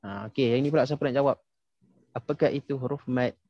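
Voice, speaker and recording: A man's voice: medium pitch, quick pace, dry recording, lo-fi sound. A young man teaching a class online, patiently quizzing students and filling gaps with "ha" and "okey". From Malaysia. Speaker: tajwid teacher. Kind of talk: casual online class instruction.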